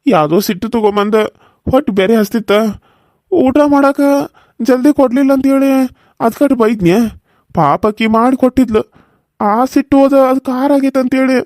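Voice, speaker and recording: Remorseful hot-tempered cartoon husband. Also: male voice, very high-pitched, moderate pace, pauses often, darkish tone, no room sound. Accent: North Karnataka Kannada. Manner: pleading, apologetic, worried. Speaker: voice actor. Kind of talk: cartoon serial voice acting.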